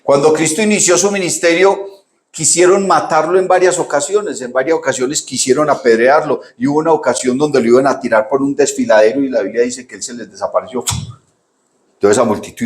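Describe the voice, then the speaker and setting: A male pastor delivers a lively sermon, asking his listeners questions and calling them "brother." His voice is of medium pitch. The room behind him is echoey. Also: fairly quick. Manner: animated preaching, rhetorical questions, often says "hermano".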